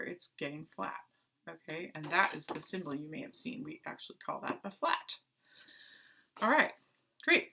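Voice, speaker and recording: A woman teaching a playful online strings lesson for children, asking questions and keeping it lively. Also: on the low side, creaky. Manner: animated, talks to kids with pretend play and questions. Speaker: music teacher. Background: violin notes.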